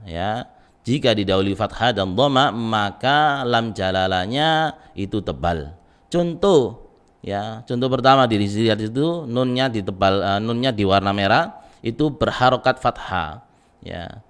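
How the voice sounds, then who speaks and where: A man's voice: on the low side, smooth. Patient Indonesian man teaching recitation. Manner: patient, repeats syllables slowly, frequent "ya" tags, chants example verses. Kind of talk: recorded tajwid lesson.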